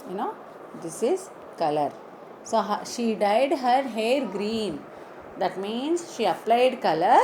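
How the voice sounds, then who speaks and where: A woman teaching an online English lesson, slowly spelling out words letter by letter and repeating them. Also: on the high side, big pitch swings, dark tone, a little hiss or hum, low-quality recording.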